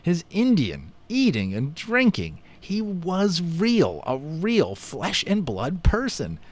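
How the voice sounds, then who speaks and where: An amateur voice actor reads a children's book aloud, his fairly high voice swinging hugely in pitch as he takes it slowly. He's enthusiastic and dramatic, dropping in casual asides along the way.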